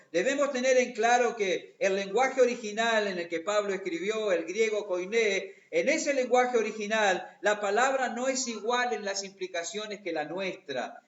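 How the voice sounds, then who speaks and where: A man's voice: high voice, echoey room, highs cut off. A man preaching a sermon as pastor, often tagging his points with rhetorical questions. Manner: rhetorical questions with repeated tags.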